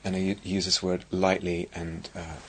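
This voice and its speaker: A middle-aged man with an English accent giving a dharma talk as a meditation teacher, speaking in a reflective, halting way with many restarts. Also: low-pitched, completely flat delivery, a little hiss or hum. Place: meditation hall at a retreat centre.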